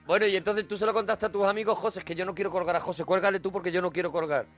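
A man's voice: high voice, fairly even intonation, very fast, fairly bright tone, soft background music. A man hosting a comedy radio show, bantering casually and teasing a caller with jokey interjections.

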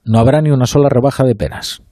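A radio host from Spain delivering a measured, ironic opinion monologue in a studio, with faint music underneath. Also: male voice, mid-range voice, fairly even intonation, dark tone, no echo.

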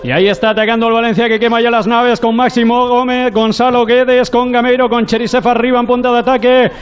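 Very high-pitched Spanish male football commentator. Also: level tone, fast, dull audio. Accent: Spanish, from Spain. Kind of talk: running play-by-play commentary.

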